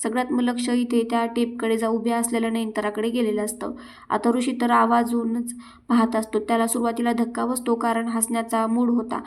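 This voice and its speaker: A woman narrating a recap of a TV serial. Her voice sits slightly high and stays quite flat, moving steadily through the retelling with frequent filler words. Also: fairly quick.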